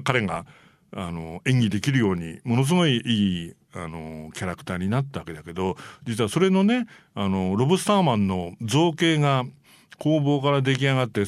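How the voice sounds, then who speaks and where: A man's voice: medium pitch, dry recording, studio quality. A male host telling film history stories in a chatty way, full of fillers and small acted-out quotes. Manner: animated, briefly acts out quoted people. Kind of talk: casual storytelling about film history.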